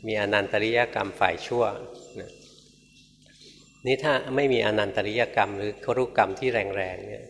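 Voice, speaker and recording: Older Thai monk giving a sermon in a hall. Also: male voice, fairly low pitch, normal speed, creaky, fairly bright tone. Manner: storytelling, acts out quoted lines, chuckles. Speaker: Buddhist monk teacher. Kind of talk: dharma sermon. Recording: long reverb of a hall, faint background noise.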